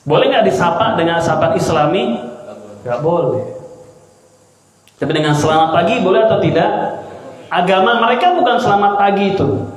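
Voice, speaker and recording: A man with a high, light voice leads a religious study lesson, firing questions at his listeners and answering them himself. His voice booms around a big hall with a long, ringing reverb. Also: expressive, normal speed, long pauses. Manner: quizzes the audience with repeated rhetorical questions. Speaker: Islamic teacher.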